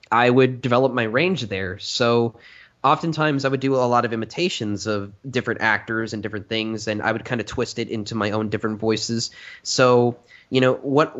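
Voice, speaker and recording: A man's voice: mid-range voice, a bit bright. Guy rambling in an interview, average voice, lots of ums and likes, lo-fi sound. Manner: rambling, many fillers and restarts. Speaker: guest, fan filmmaker and voice actor. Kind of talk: casual interview chat.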